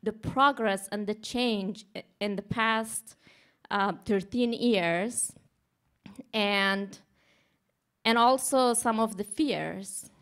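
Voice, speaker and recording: A young woman from Afghanistan speaking at a podium microphone in a large conference hall, with many pauses and restarts. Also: medium pitch, a bit bright, clear, resonant tone. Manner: hesitant, many ums and restarts. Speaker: advocacy manager. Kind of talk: conference speech.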